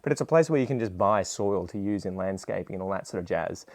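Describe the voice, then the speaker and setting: A man's voice: deep voice, expressive, quick pace, darkish tone, dry recording. An Australian man chatting casually while demonstrating a task, in a rambling, self-deprecating, slangy way. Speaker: gardening video creator.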